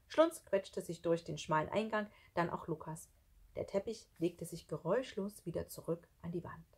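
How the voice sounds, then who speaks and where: Female audiobook reader, husky and low-pitched, suspenseful storytelling. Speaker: audiobook narrator. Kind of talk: children's audiobook reading.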